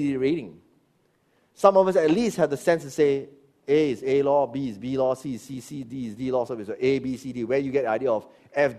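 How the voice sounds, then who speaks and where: A middle-aged man preaching a sermon, animated, firing rhetorical questions and dropping into low asides. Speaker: pastor.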